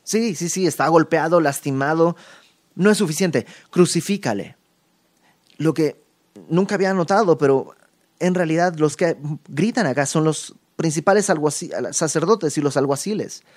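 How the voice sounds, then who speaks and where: A man leads a verse-by-verse Bible study in a fairly high voice. He talks emphatically, rising and then dropping to a hush. He checks in with his listeners through quick conversational asides. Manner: emphatic, swings between raised and hushed delivery; conversational asides and tag questions. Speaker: Bible teacher.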